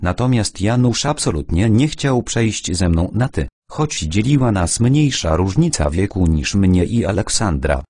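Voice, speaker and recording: Deep-voiced man narrating an audiobook. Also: big pitch swings, unhurried, hardly any pauses, a little mellow, no echo. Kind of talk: first-person audiobook narration.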